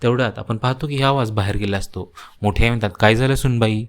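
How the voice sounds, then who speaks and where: A man narrating a cartoon story in a steady storytelling manner. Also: fairly low pitch, fast talker.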